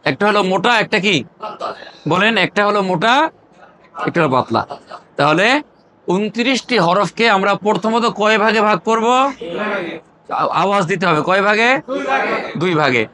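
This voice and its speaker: Teaching a class Quran recitation, a man from Bangladesh uses call-and-response: repeated questions, group answers spoken aloud, terms drilled by chanting. He speaks at a normal speed with frequent pauses, his high, expressive voice bright and forceful.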